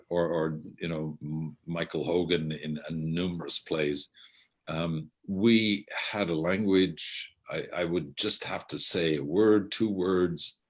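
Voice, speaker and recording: Older man, deep husky rambling voice. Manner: rambling, with frequent restarts and casual swearing. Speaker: theatre director. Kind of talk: rambling reflective monologue.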